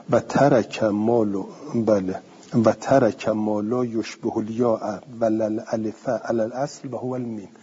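Male teacher, very husky mellow voice, reads a text then explains it, answers his own questions; lo-fi recording. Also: medium pitch. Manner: reads a passage aloud, then explains it conversationally; asks the class questions and answers them himself. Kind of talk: classroom lecture on a classical text. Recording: dull lo-fi recording with long hall reverb.

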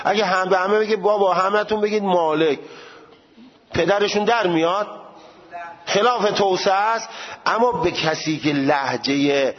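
A man giving a seminary lecture, animated and full of rhetorical questions. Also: high voice, long reverb tail, dull audio. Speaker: religious studies teacher.

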